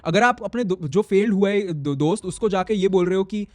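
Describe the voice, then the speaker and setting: A young man giving casual, slangy self-improvement advice to camera, swinging his pitch up and down. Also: moderate pace, no echo.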